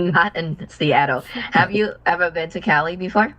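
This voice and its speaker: A young woman from Vietnam, a business partner chatting casually on a video call, friendly and asking questions with fillers and soft laughs. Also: on the low side, normal speed, lo-fi sound.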